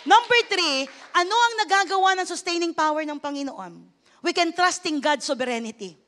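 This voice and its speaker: Woman pastor, high voice, sermon, mixes English phrases into her preaching, calls for amens, swings between loud and hushed. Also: lively intonation, normal speed. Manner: asks the congregation for amens and applause; swings from loud exclamations to hushed low lines.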